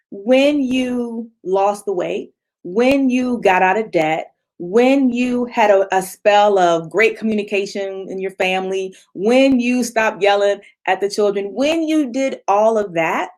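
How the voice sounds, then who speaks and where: A woman coach giving a live motivational talk over a video call. She talks in a lively, conversational way, acts out people's inner voices and answers audience comments as she goes. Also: mid-range voice. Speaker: motivational coach leading a retreat session.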